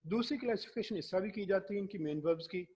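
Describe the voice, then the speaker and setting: A man lecturing on English grammar in Hindi-Urdu, explaining step by step and reading English definitions out slowly. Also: high voice, a little mellow, slightly rough. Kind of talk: recorded classroom lecture.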